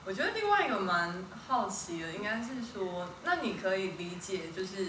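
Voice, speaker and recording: A woman hosting a podcast, asking questions in a relaxed, encouraging manner. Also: mid-range voice, a little fast. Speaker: podcast host. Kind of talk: casual interview chat. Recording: roomy, distant mic with noticeable noise.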